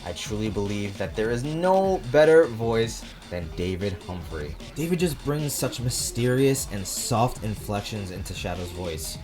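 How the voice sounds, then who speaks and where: Low-pitched young man doing commentary. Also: expressive, measured pace, few pauses, music in the background. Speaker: video essay host. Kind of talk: scripted commentary.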